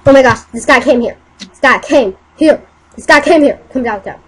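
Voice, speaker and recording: A woman giving casual, excitable commentary on her own gameplay, muttering to herself and breaking into silly sing-song chants. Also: sits high, normal speed, slightly rough, low-quality recording. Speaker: gameplay channel host.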